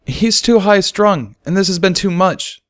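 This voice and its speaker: A blunt, matter-of-fact adult mare, as a man puts her on in an audiobook. The voice is lifted well above the reader's deep register and is slightly raised in volume. It has a dry, close sound. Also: a little slow, no echo. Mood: worried. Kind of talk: audiobook reading of a fan story.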